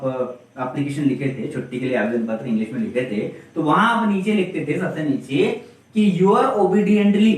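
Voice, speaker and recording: A male teacher giving a classroom grammar lesson, asking the class questions and then answering them himself. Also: high voice. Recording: very echoey room, voice from a distance.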